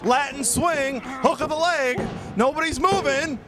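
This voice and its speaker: A man calling a live wrestling match play-by-play in excitable, exclamatory bursts. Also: very high voice, unhurried, music in the background. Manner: excitable, exclamatory calls of the action. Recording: noisy arena with loud crowd behind. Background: crowd noise of a live wrestling show.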